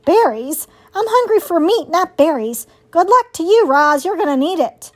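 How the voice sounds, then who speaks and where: A woman's voice: very high voice, big pitch swings, moderate pace, voice pushed up. A woman voicing a cocky, demanding male fox in a storybook, with a pushy, emphatic manner.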